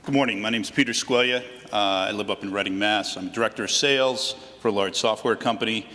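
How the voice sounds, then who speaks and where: A man's voice: lowish voice, fairly quick, pushed and bright. A man who works as a sales director, introducing himself to a group in an easygoing, jokey way. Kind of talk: spoken self-introduction. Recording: long reverb in a large room.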